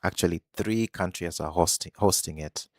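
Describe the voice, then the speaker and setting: A man's voice: sits low, moderate pace, no room sound, studio quality. A man from Kenya, hosting a live football watch-along and chatting casually while he reacts to the match. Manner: relaxed, musing, reacts to the match. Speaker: live stream host.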